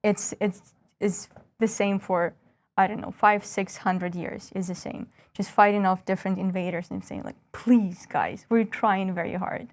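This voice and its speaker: A woman's voice: mid-range voice, fairly even intonation, unhurried. A woman in her thirties from northwest Ukraine, a stand-up comedian with a Ukrainian accent, chatting as an interview guest with wry, self-mocking jokes. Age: 30s. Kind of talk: casual interview chat.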